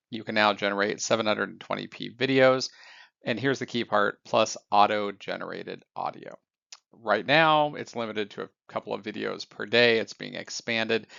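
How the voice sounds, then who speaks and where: Gravelly, low-voiced male news presenter. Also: a bit bright, no room sound, dull audio. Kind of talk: explanatory tech news narration.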